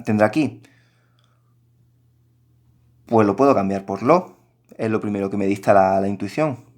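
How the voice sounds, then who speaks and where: A man's voice: on the low side, a little mellow. A man teaching a recorded grammar lesson, explaining patiently and addressing his students directly.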